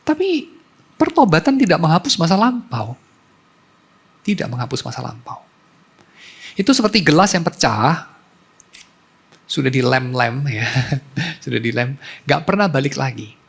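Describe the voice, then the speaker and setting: A man's voice: medium pitch, vocal fry, breathy edge. A man preaching a sermon as a pastor, in a conversational storytelling way, mixing in English terms.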